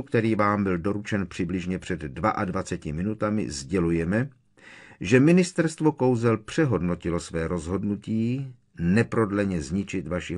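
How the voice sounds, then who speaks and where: A man reading a novel aloud as an audiobook narrator, with expressive, measured storytelling. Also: low-pitched. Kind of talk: scripted narration.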